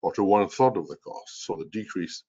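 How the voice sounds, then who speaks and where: A man's voice: low-pitched, moderate pace, mellow, breathy edge. A man in his sixties with a strong Scottish accent, presenting as a chief executive in an explanatory business webinar over a video call. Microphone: video call computer mic. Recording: dull, lo-fi video call audio.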